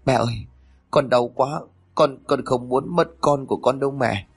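A man's voice: mid-range voice, normal speed, breathy edge, voice pushed up. A man voicing a grieving young wife who pleads through tears, in a storybook reading. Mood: tearful. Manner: sobbing pleas.

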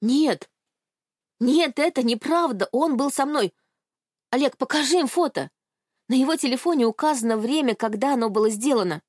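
A woman's voice: fairly high pitch, moderate pace, dry recording, studio quality, close to an everyday voice. A woman voicing a desperate teenage girl. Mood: frantic. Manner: pleading, shouting in despair.

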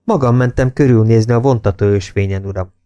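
A man's voice: medium pitch, dark tone, smooth, no echo, highs cut off, close to an everyday voice. A man voicing a defiant policeman under interrogation, giving terse, guarded answers. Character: stubborn, defiant policeman held as a prisoner.

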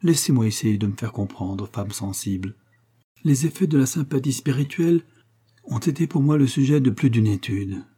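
A man voicing a smooth-talking young preacher in prison in an audiobook, speaking in an unctuous, fervent manner. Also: medium pitch, lively intonation, moderate pace, warm tone. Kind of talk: audiobook character reading.

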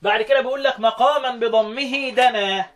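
An Egyptian man teaching Quran recitation, quizzing his students and slowly chanting verse lines between his explanations. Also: extremely high pitch, fairly bright tone. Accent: Egyptian Arabic. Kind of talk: interactive classroom lesson.

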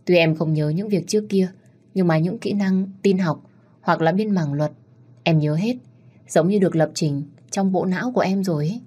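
A woman reading the lines of a cheerful, chatty young wife in a storybook tale, with a husky voice. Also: fairly low pitch, normal speed, warm tone. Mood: cheerful eager.

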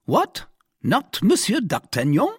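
This dramatized audiobook reading features a pompous, easily flustered police commissary with an exaggerated, very high, husky voice whose pitch swoops wildly. He questions imperiously and indignantly at a slow pace, drawing out his words, in studio-quality audio with no echo.

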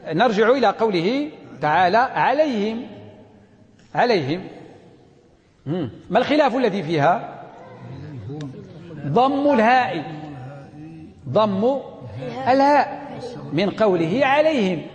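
A man's voice: high voice, big-room sound. A man teaching a Quranic readings class, quizzing his students and chanting verses for them to repeat.

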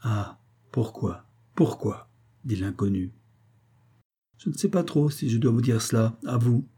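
A man voicing a calm, good-humoured aristocrat in a read-aloud story, speaking with light, wry amusement. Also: medium pitch, a little slow, slightly rough. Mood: confiding.

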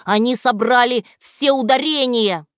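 A woman voicing an excitable male hare who chatters in agitation. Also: on the high side, takes it slowly, no echo, clean studio sound, pitched above the performer's own voice. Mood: agitated.

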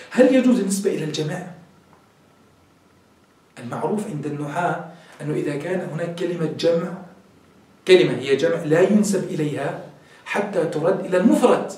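A male sheikh giving a classroom lecture on hadith terms, asking his students questions and answering them himself. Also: high voice. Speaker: sheikh teaching hadith terminology. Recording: very echoey room, voice from far off.

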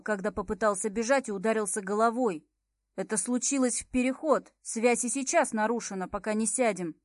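A woman's voice: on the high side, dry recording, clean studio sound, natural voice. A woman doing a strained, urgent young man.

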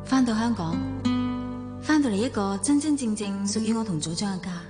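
A woman with a Hong Kong Cantonese accent plays a worldly, guarded divorced younger sister in a radio drama, with nonchalant, wry delivery and wistful first-person narration. Her voice is medium-pitched, at normal speed, and lightly acted. The audio has long reverb, with music underneath.

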